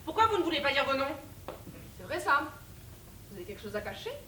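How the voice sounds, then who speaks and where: A woman's voice: high-pitched, sing-song, fast talker. An actress playing a suspicious young woman who questions and accuses strangers sharply. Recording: roomy bar, distant mic, faint noise.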